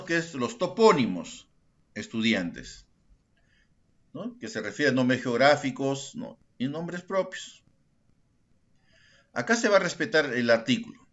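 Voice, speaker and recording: A man's voice: fairly high pitch, animated, measured pace, long pauses, a bit bright. A male secondary school teacher, patiently explaining grammar to his students and checking in with frequent tag questions. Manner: addresses students directly and repeats key words. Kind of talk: recorded grammar lesson.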